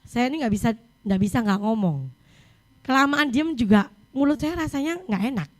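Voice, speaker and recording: High-voiced woman preaching a lively sermon. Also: normal speed. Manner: lively storytelling, mixing in English scripture reading.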